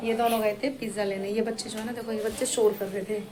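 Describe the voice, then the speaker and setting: A woman vlogger chats casually with viewers in a family vlog, scolding and coaxing the children around her at home, both indoors and on the rooftop. Her mid-range voice holds a level tone and moves fast, and the recording is very noisy.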